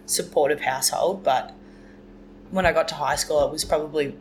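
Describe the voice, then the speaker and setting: A woman's voice: low-pitched, normal speed, noisy background. Chatty young woman, lots of fillers. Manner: chatty, heavy on "like, you know" fillers. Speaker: podcast guest. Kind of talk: candid conversational storytelling.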